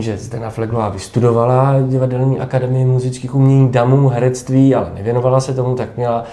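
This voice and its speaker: A man's voice: mid-range voice, warm tone. A man in his thirties, an actor answering interview questions thoughtfully with hesitations and restarts. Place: theatre backstage room. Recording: echoey room.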